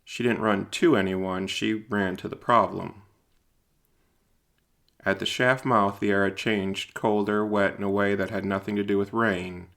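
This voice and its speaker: A male storyteller with a low, creaky voice that's steady and a bit bright narrates a scripted audio drama. As both narrator and writer-performer, he delivers it in a measured, deliberate, literary way.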